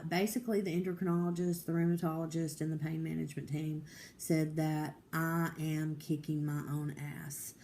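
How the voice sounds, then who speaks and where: A woman's voice: sits low, vocal fry, mellow. A woman, talking candidly and determinedly in a casual home vlog, rambling with many fillers. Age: 40s. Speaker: vlogger.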